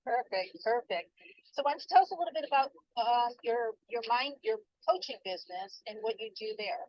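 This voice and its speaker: A woman interviewer asking questions in a brisk, friendly way. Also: on the high side, big pitch swings, no echo. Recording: dull lo-fi dry sound.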